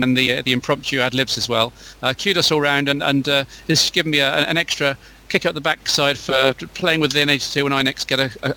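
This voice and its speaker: A man's voice: mid-range voice, sharp tone, low-quality recording. A man co-hosting a tech podcast, chatting enthusiastically with frequent restarts. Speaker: podcast co-host. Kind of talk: casual chat.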